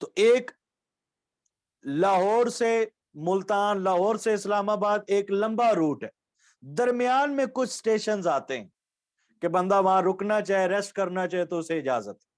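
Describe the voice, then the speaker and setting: A man from Pakistan with a fairly high voice teaches Quranic recitation in an online lecture. He explains patiently, going over each rule again with simple examples. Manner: patient, repeats key points and examples.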